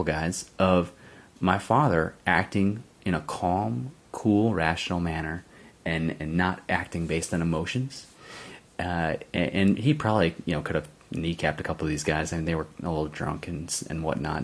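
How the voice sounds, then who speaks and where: A man hosting his own channel, casually telling a story to viewers, often chuckling and calling them guys. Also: deep voice. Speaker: channel host.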